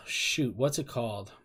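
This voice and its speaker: The voice is a man's, medium in pitch, fairly bright and a little breathy. He's a K-pop reaction YouTuber in his thirties, chatting easily through a video with rambling, self-deprecating remarks and bursts of laughter.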